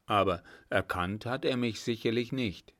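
A man voicing a confident young lieutenant in a calm, assured way, in a storybook reading. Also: fairly low pitch, moderate pace, close to an everyday voice.

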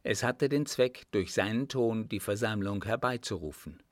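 A man narrating an adventure story in a calm, even storytelling voice. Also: fairly low pitch, normal speed, dry recording, studio quality. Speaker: audiobook narrator.

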